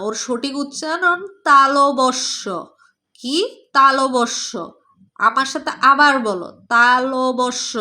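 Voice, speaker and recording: A woman with a Bangladeshi Bengali accent teaching children letter sounds, saying each one slowly and repeating it for them to echo. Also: high-pitched, sharp tone. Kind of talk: children's pronunciation lesson.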